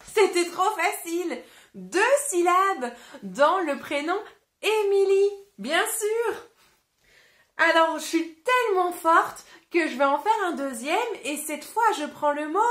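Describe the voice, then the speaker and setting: A woman teacher giving an interactive read-aloud lesson, playful and exaggerated, sounding out words slowly for children. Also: sits high, a bit bright. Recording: roomy echo.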